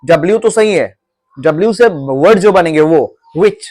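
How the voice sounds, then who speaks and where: A man's voice: on the high side, animated, normal speed, darkish tone. A man teaching pronunciation to a class in a coaching classroom, asking questions and repeating them, calling the students "beta". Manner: repeats his own questions to drill the class.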